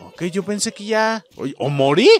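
A young Mexican man giving excited, swearing gameplay commentary and talking straight to his viewers. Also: sits high, normal speed. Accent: Mexican Spanish. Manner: animated, swears often, keeps addressing viewers as "muchachos". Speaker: gameplay streamer.

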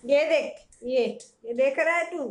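A man's voice: very high voice, a little slow. A young man playing a stern, stingy father who nags and scolds his son in a comedy sketch. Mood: defensive. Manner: nagging, scolding.

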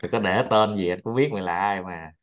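Lowish voice guy hosting a study group chat, rambles, keeps repeating words. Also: quick pace.

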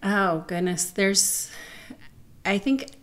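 A woman's voice: medium pitch, drawn-out words. A middle-aged woman speaking in an earnest, explanatory way in a casual round-table discussion. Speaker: panel guest. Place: living room, seated at a round table. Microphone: table-mounted microphone.

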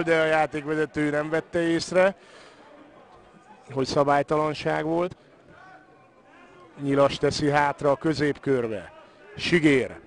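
A man provides live commentary on a football match. He names the players on the ball and adds analysis between moves. His voice is a little higher than most men's. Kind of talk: live sports commentary mixing play-by-play and analysis.

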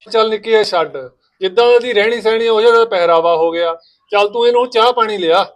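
A man playing a village husband caught between his wife and his sister, talking in a rapid, pleading way in a family skit. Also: high voice, natural voice.

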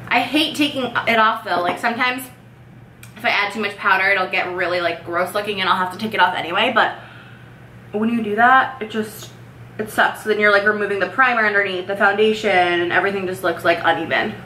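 Doing her makeup on camera in her bedroom, a twenty-something vlogger chatters brightly in a brisk, pushed, medium-pitched voice, rambling and leaning heavily on "like." The sound comes from a camera mic at desk distance, with room echo and faint background noise.

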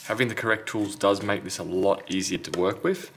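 At an indoor repair bench, a man with a deep, fairly bright voice walks through a hands-on repair tutorial step by step. He speaks fairly quickly in a casual, matter-of-fact way, like a technician at work, with slight background noise.

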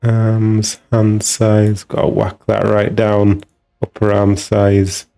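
Gravelly, slow-talking male game streamer. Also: lowish voice, completely flat delivery, warm tone, faint music behind. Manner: musing, mumbling to himself while tinkering. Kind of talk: casual gameplay commentary.

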